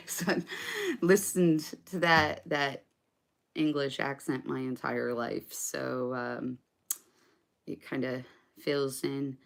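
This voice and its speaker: A singer-songwriter chats casually with live stream viewers between songs, rambling, hesitant and self-deprecating with lots of fillers. Her voice is extremely low and gravelly, with fairly even intonation, a very slow pace and frequent pauses.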